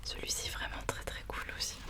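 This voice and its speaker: Someone speaking in a hushed, unvoiced library whisper, sharing and reading books in an informal ASMR style. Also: a little fast. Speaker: ASMR host. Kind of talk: whispered ASMR book recommendations and reading aloud.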